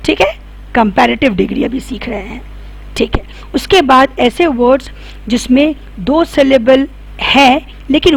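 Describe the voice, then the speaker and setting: Woman teacher, grammar lesson, raspy gravelly voice, questions then answers them herself. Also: fairly high pitch. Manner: spells words out letter by letter.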